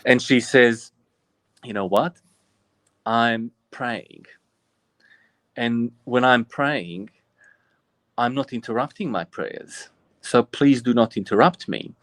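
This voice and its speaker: Man, about 40, priest, earnest, restarts, mid pitch, dry close sound. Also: slow pace, pauses often, fairly bright tone, no room sound. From Bosnia. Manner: earnest and reflective, frequent restarts. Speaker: Orthodox priest, guest. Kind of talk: personal storytelling in interview.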